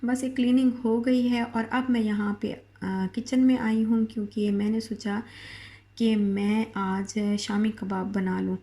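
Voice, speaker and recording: A woman from Pakistan with a Pakistani Urdu accent vlogs from her home kitchen, her voice a little hoarse from a sore throat. She drifts through fillers and half-finished words in an even, unvaried tone. Her timbre is mellow and dark. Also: a little high, unhurried. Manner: rambling, many fillers and restarts. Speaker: vlogger. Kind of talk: casual home vlog.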